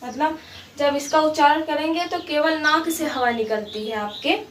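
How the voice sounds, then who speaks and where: At a moderate pace, a high-voiced woman works through a grammar lesson, repeating her examples patiently and checking that her class keeps up. She's somewhat far from the mic in an echoey room, and a faint hiss sits underneath.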